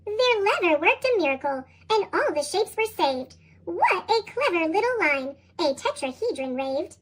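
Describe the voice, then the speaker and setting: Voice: very animated, normal speed, fairly bright tone. A reader with a sped-up chipmunk voice effect, reading children's picture books aloud in a bouncy sing-song. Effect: sped-up, high chipmunk-style pitch shift. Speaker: storybook reader.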